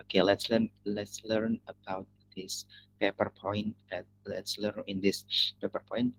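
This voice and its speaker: A man with an Indonesian accent teaching an English lesson in an online class, talking in halting phrases that he often restarts. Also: fairly low pitch, gravelly, slightly rough, poor audio.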